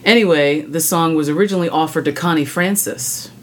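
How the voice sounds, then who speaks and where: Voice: mid-range voice, brisk, fairly bright tone, slight background noise. An opinionated music podcast host reading prepared commentary, with wry, blunt casual asides.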